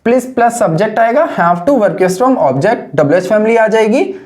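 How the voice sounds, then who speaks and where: A woman teaching an English grammar lesson. She is patient, slows down to stress key phrases, and asks and answers her own questions as she explains. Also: a little high, expressive, darkish tone. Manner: addresses listeners as friends.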